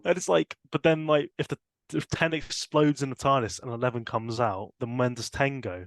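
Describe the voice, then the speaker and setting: A young man talks casually on a podcast at a middle pitch, his voice jumping up when he gets excited and breaking into laughs. The sound is dry and close to the mic, with no room echo. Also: normal speed. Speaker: podcast co-host. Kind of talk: casual chat.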